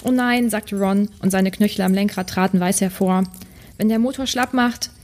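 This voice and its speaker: A woman's voice: medium pitch, fairly even intonation, moderate pace, darkish tone, close to an everyday voice. A woman voicing a nervous teenage boy wizard, reading breathlessly with a raised voice. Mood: panicked.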